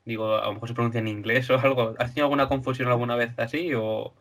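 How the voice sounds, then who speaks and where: A man hosting a podcast interview, asking relaxed, joking questions. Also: medium pitch, racing. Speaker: podcast host.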